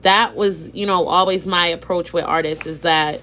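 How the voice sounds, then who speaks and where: A woman with a Boston accent, hosting a casual live-stream interview, chatty and animated, greeting viewers by name. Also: lowish voice, normal speed. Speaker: interview host.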